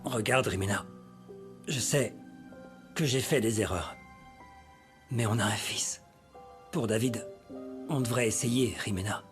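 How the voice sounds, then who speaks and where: An actor in a dubbed television drama playing an earnest, insistent estranged husband. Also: male voice, medium pitch, measured pace, pauses often, faint music behind, lightly acted. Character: insistent, earnest estranged husband trying to win wife back.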